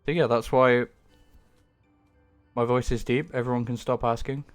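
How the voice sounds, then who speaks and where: With soft background music playing, a young man casually talks through his home game stream in a smooth, steady, mid-range voice at a normal pace. He rambles, gets self-deprecating, and lets the occasional swear slip.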